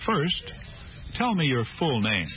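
A man playing a friendly male news reporter from Chicago, speaking clearly and at a measured pace in a scripted language-course dialogue. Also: on the high side, very animated, a little hiss or hum. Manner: clear, measured teaching delivery. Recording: muffled lo-fi studio recording.

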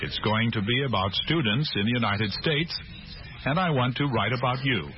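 A man playing a friendly male news reporter from Chicago, speaking clearly and at a measured pace in a scripted language-course dialogue. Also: medium pitch, close to an everyday voice. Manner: clear, measured teaching delivery. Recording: muffled lo-fi studio recording.

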